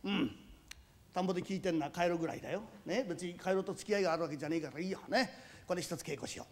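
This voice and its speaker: Timid young master hawking wares, a man voicing him, high gravelly voice, rakugo. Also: slight background noise. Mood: rehearsing. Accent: Edo Tokyo. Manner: muttering to himself, stammering, drawn-out vendor cries. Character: naive disowned young master turned peddler. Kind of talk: rakugo storytelling.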